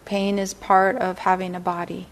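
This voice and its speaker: A middle-aged woman teaching a meditation class, speaking gently and unhurriedly and often checking in with her listeners. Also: fairly low pitch, little pitch movement. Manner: gentle, unhurried, lots of "right?" and "you know". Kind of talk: dharma talk to a class. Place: meditation hall.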